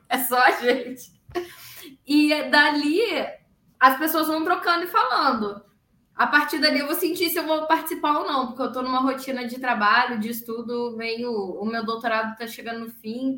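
A woman joins as a guest and chats in a relaxed, talkative way. Her voice is fairly high. The room around her echoes noticeably. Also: normal speed. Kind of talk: casual chat.

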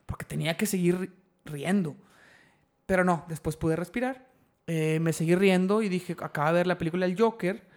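A young man with a Mexican accent tells a long story on a podcast in a high voice. He talks in animated, slangy bursts and laughs at his own jokes. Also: moderate pace. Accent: Mexican Spanish. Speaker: podcast host. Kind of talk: casual storytelling chat.

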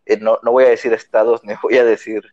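A man's voice: lowish voice, level tone, fast, lo-fi sound, a crowd in the background. A man from Veracruz with a Veracruz Mexican accent, chatting casually and peppering everything with slang. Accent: Veracruz Mexican Spanish. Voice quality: slangy, says güey constantly. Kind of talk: casual chat.

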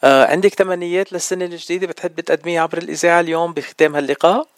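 A man's voice: on the high side, fairly even intonation, very fast, dry recording, clean studio sound. A man with a Lebanese Arabic accent hosting a radio interview. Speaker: radio host.

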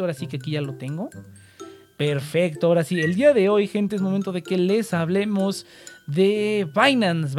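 A young man with a Mexican Spanish accent, co-hosting a casual podcast, animated and slangy, acting out little quoted voices. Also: fairly high pitch. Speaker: podcast co-host. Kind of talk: casual chat.

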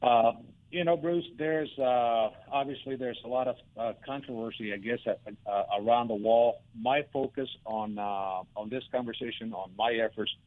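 A man giving conversational interview answers as a guest, halting and often restarting his words. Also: medium pitch. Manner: halting, hesitant, many repeated starts. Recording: narrow phone-like radio line.

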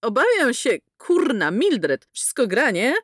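A woman's voice: on the high side, big pitch swings, slow, no room sound, studio quality, voice pushed up, heavily acted. A woman voicing a brash, foul-mouthed woman space pilot who talks in a crude, sarcastic, blunt way.

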